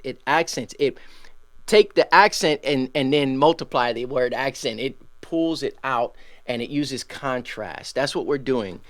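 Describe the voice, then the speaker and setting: A man giving a percussion lesson who explains patiently and sings out drum rhythms with sounds like boom and ga. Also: fairly bright tone, no room sound. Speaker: music teacher.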